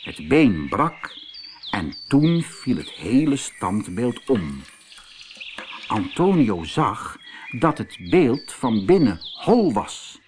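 A man reading a Dutch fairy tale aloud as narrator, in a calm, measured manner. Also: medium pitch, a little hiss or hum. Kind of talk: storybook reading.

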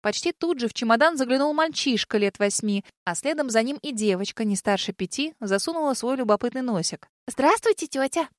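Woman narrator, audiobook, first-person, lively, high voice, dry close sound. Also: fairly quick, hardly any pauses, dry recording.

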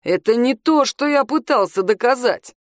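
A woman voicing a drunk, crude, boastful high-school heartthrob boy in a storybook reading, loud and drawn-out. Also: animated, no echo, clean studio sound, natural voice.

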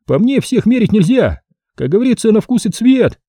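A man's voice: high-pitched, very animated, normal speed, mellow, breathy edge, no room sound, studio quality, voice pushed up, heavily acted. A man putting on a cheeky, sly young army captain. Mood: evasive. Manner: cheeky, wheedling, raised voice. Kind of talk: audiobook character voice.

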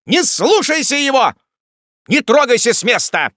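A man's voice: fairly high pitch, very animated, brisk, pushed and bright, dry recording, studio quality, pitched above the performer's own voice. A man voicing a brash, insolent young strolling actor who talks back boldly and defiantly. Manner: bold, defiant, commanding.

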